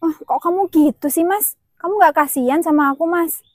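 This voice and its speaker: A woman's voice: very high-pitched, brisk, dry recording. A woman playing a brazen, wheedling young woman in a comedy skit. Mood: pouty. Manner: pouty, wheedling, often hushed.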